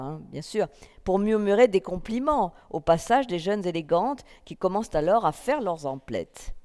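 A woman's voice: lowish voice, darkish tone. Woman reading a literary text in a reverberant hall. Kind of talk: measured literary reading before an audience. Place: festival stage in a hall.

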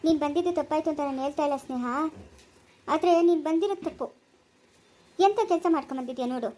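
Woman, Chikkaballapura Kannada accent, high rapid quarrelsome delivery for village family drama. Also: dark tone. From Karnataka. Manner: scolding, quarrelsome.

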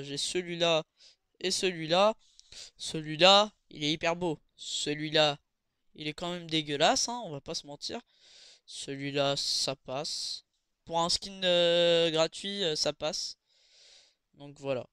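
A man's voice: a little high, bright, forceful tone, clean tone, no room sound, clean studio sound. A man hosting casual gameplay commentary, chatty and hesitant, with many fillers and restarts. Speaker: gaming channel host.

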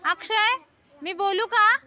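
High, bright-voiced woman teacher coaxing children. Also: takes it slowly. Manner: patient, coaxing, firm questioning of small children. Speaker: primary school teacher. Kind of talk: classroom question-and-answer with young children. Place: classroom.

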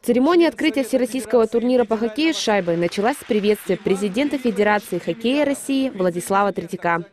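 A woman's voice: a little high, lively intonation, fast, darkish tone. A woman reporter reading a scripted sports news narration. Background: music.

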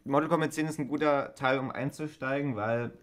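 A man's voice: mid-range voice, fairly even intonation, brisk, a bit bright. A man of about twenty chatting on a podcast, explaining eagerly and correcting himself as he goes. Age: 20s. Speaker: podcast co-host. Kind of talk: casual chat.

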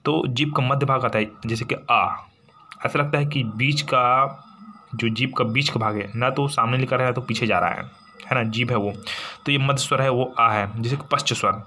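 Male teacher from India, exam-prep lesson, bright forceful voice, asks his own questions and answers them, many tag questions. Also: mid-range voice, steady tone, normal speed, a little hiss or hum.

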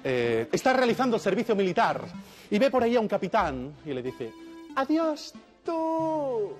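A man performing a stand-up routine on a TV show in a mock-lecturing, teasing manner, jumping into high voices for the characters in his jokes. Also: sing-song, a little fast. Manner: mock-pompous, teasing the audience, acts out joke characters with sudden high voices. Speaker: stand-up comedian on a TV game show. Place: television studio before a live audience. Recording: TV studio with loud crowd and music. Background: audience laughter and applause, music.

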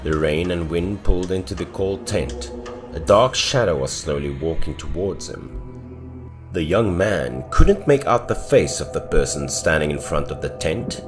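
A man's voice: animated, measured pace, faint music behind. A man narrating a horror story in a scripted, dramatic storytelling manner. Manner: dramatic storytelling with swings in pitch and loudness.

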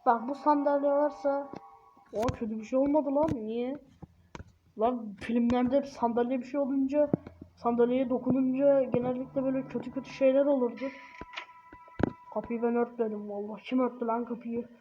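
A woman's voice: fairly high pitch, fairly even intonation, moderate pace. Joking, jumpy female gamer, noisy mic. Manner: joking, jumpy, swears a lot, drops into whispers. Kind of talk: casual let's-play commentary. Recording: dull, noisy home mic.

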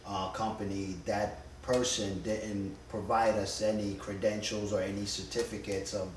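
A young man, a homeowner, explaining in a halting way while searching for words at a dining table. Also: fairly low pitch, level tone. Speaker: homeowner giving a testimonial. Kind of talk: casual testimonial. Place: dining room of a house, indoors. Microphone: far camera. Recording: roomy, distant camera audio, faint hum.

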